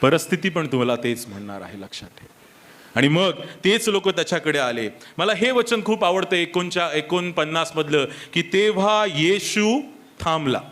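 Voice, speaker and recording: A man's voice: on the high side, animated, moderate pace, fairly bright tone. A man pastor preaching a sermon at a church service, emphatic, asking his listeners rhetorical questions and repeating reminders, dropping into English now and then. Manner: switches briefly into English for key points.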